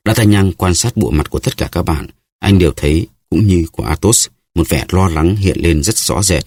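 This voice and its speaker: A male audiobook narrator with a notably low voice, reading a novel steadily. The recording is close and very dry, with no room sound. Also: moderate pace, dry recording. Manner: steady storytelling. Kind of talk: scripted narration.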